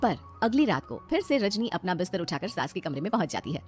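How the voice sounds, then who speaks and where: A woman narrating a comic family skit in a brisk, storytelling manner. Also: fairly low pitch, big pitch swings, soft background music. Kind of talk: scripted narration.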